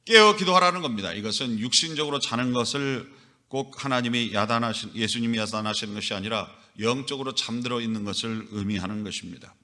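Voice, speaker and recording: Forceful bright-voiced male preacher. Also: mid-range voice. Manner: emphatic preaching with sudden loud rises and acted scolding. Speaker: pastor. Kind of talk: Sunday sermon.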